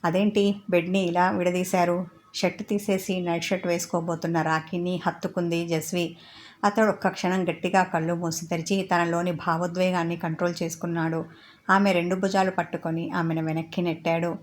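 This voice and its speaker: A woman's voice: on the low side, flat delivery, fairly quick, a little hiss or hum. A woman reading a romantic serial story aloud, voicing every character's lines in her own voice. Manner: reads all characters' lines in her own voice with little change. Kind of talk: scripted story narration.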